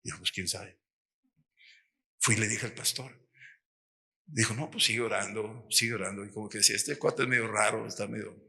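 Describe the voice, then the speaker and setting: A middle-aged Mexican man giving a lively testimony sermon at a missions workshop, acting out the dialogue as he tells the story. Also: on the low side, fairly quick, gravelly, long pauses, husky. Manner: animated storytelling, acts out dialogue.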